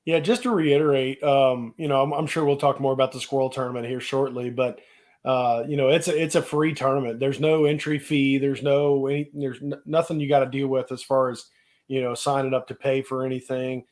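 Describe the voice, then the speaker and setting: A man's voice: medium pitch, fairly even intonation, a little fast, darkish tone. Easygoing man co-hosting a chat. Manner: easygoing and plain-spoken, with many "you know" fillers. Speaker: co-host. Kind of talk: casual live chat.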